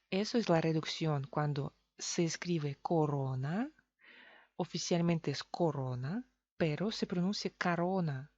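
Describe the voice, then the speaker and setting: A woman with a Russian accent teaches a language lesson in a lowish voice. She explains step by step, slowly repeating each example word. The sound is dry and a little dull. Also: darkish tone, dry recording. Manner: slow, deliberate, repeats example words.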